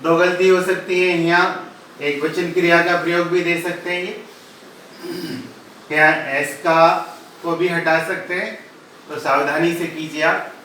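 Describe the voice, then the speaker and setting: A man gives an English grammar lesson, explaining rules in Hindi and spelling example words out letter by letter. His voice is bright and a little high for a man. He sounds set back from the mic in a strongly echoing room, with faint ambient noise underneath. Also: level tone, unhurried, recorded from a distance. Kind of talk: recorded classroom-style lesson.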